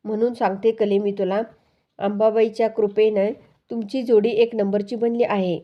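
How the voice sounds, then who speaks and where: A woman's voice: mid-range voice, little pitch movement, normal speed, lo-fi sound, natural voice. A woman voicing a teasing, affectionate mother who tries to match her daughter and son-in-law. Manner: teasing, affectionate, read out plainly.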